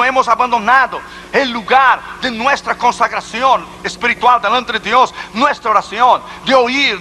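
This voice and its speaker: Bright high-voiced male preacher. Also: a little hiss or hum, rough recording. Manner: emphatic, rhetorical questions. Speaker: evangelist preacher. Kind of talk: sermon.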